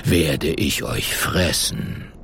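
A man voicing an ancient, menacing female snake goddess who speaks slowly in a low, hissing whisper. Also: creaky, a bit bright, full character voice.

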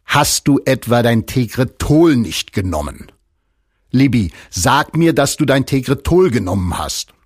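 A man voicing a desperate, crude husband who urgently scolds his wife in a spoken audiobook, in a husky voice. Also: lowish voice, very animated, slow, hardly any pauses, no room sound, clean studio sound, exaggerated voice. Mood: exasperated, scolding.

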